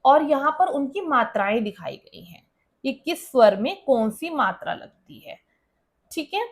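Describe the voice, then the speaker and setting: A woman's voice: high-pitched, sing-song, unhurried. A woman teacher explaining a school lesson, often asking students a question and then answering it herself.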